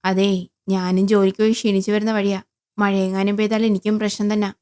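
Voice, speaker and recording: A woman's voice: medium pitch, flat delivery, fairly quick, a little mellow, clear, resonant tone, close to an everyday voice. A woman voicing a mocking man in his forties on a bicycle, sly and needling in tone.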